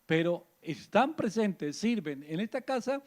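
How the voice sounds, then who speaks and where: A pastor preaches in a somewhat high man's voice. He is emphatic and keeps turning to the listener with pointed rhetorical questions, as in a radio sermon. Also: sing-song, a little slow, darkish tone.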